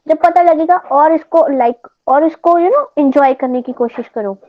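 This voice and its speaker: A woman's voice: high-pitched, unhurried, narrow, tinny audio. A woman teacher giving an online class through an earphone mic, mixing Hindi with English terms and checking in with her students.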